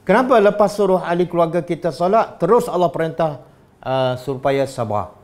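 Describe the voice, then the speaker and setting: A religious lecture comes from a man whose voice sits on the high side, his accent Malaysian Malay. At a moderate pace, he energetically fires rhetorical questions at those listening.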